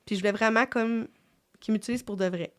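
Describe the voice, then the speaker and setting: A woman's voice: fairly high pitch, fairly even intonation, brisk. Reflective Québécois woman host. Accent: Québécois French. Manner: reflective, many fillers and restarts. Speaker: podcast host. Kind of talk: casual faith chat.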